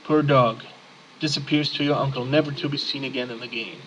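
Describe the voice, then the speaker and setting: A man's voice: medium pitch, fairly even intonation, brisk, fairly bright tone, slight background noise, rough recording. A man playing a text-based game, reading its text aloud and adding casual muttered asides. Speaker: let's play gamer.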